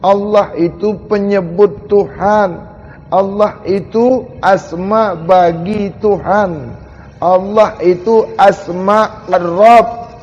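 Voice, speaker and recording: A man giving a mystical religious lecture, asking slow, emphatic rhetorical questions. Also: high voice, a little mellow, breathy edge, long reverb tail, highs cut off. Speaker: religious teacher.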